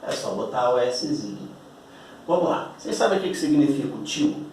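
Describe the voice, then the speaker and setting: A man's voice: medium pitch, expressive, normal speed, a little mellow, slight background noise. Chatty male teacher in an echoey room. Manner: chatty, checks in with "tá?" and "beleza?"; explains at a board, stretching out key words. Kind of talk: classroom grammar lesson. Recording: roomy, distant echoey classroom audio.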